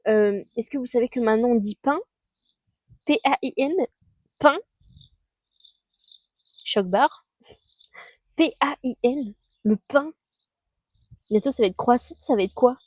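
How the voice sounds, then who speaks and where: Woman in her 20s, vlogger. Chatty, slangy, lots of fillers. Dark, mellow tone, dry recording outdoors. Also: a little high, unhurried, long pauses, dry recording. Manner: chatty and scattered, with youthful slang and many fillers. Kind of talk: casual monthly recap vlog. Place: outdoors under a tree.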